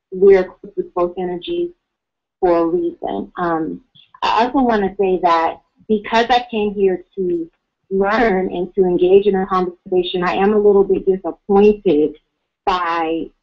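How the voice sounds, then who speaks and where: A woman calling in to a radio show over the phone, speaking earnestly and at a measured pace with frequent ums. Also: mid-range voice. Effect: heard over a phone line into a radio show. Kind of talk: call-in talk radio. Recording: dull lo-fi phone-line sound.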